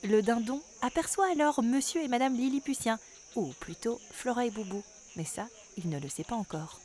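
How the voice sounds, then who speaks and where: A woman narrating a children's story in a lively, expressive way. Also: on the high side, normal speed, a little hiss or hum.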